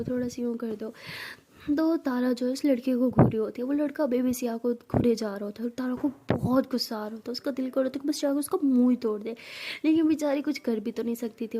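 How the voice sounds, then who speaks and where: A woman narrating a love story in a conversational way, clearing her throat now and then. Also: a little high, dark tone.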